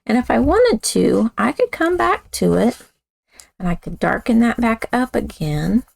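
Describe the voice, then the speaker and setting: A woman with a raspy, gravelly voice walks through a card-making craft at an unhurried pace. She chats loosely, correcting herself as she works. The sound is close and dry. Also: fairly high pitch, big pitch swings, darkish tone, no echo. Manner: chatty, talks while working with hands, self-correcting. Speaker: craft instructor. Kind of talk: casual craft tutorial.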